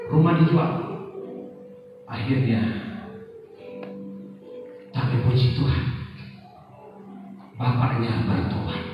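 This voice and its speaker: A male pastor, preaching a revival sermon with animated storytelling and teasing asides to the congregation. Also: fairly low pitch. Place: large church hall. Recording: echoey hall from far off, dull sound, music.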